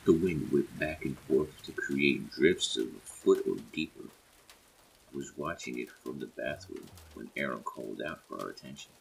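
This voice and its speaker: A man narrating a horror story in a measured storytelling manner. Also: rumbling low, animated, gravelly, slight background noise.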